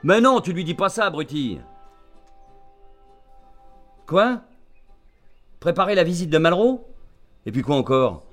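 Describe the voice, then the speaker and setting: An actor playing an irascible, sarcastic, foul-mouthed agent barking orders over the phone in a radio drama. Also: male voice, a little high, big pitch swings, unhurried, long pauses, a bit bright, soft background music. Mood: sarcastic, exasperated. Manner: sarcastic, bullying, blunt. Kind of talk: radio drama acting, phone-call monologue.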